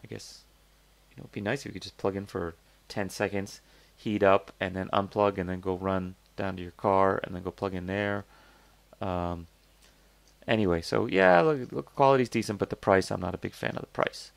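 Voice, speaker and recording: Man, casual review host, rambling and skeptical, lots of fillers, lowish gravelly voice, dry close sound. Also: normal speed, no echo. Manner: rambling, thinking aloud with many fillers and restarts; skeptical, conversational. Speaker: host reviewing crowdfunding products. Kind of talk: casual product review talk.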